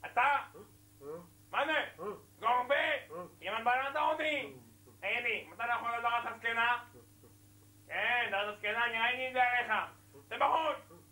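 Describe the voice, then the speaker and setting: A man's voice: very high voice, pauses often, sharp tone, full character voice. A man playing a strict, scornful male yeshiva supervisor who barks orders and insults in an amateur comedy skit. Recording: roomy echoey room.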